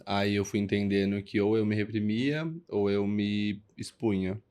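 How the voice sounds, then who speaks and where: A man's voice: on the low side, steady tone, measured pace, a little mellow, clean tone. A man, a flamboyant and candid podcast guest telling his life story. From São Paulo, Brazil. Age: 30s. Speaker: guest, performer. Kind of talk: casual interview.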